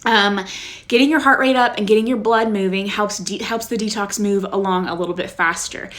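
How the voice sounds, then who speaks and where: A woman's voice: mid-range voice, fairly even intonation, a little fast, fairly bright tone. A young woman chatting casually on a home live stream, bubbly and talkative, checking in often with her viewers. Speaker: wellness vlogger.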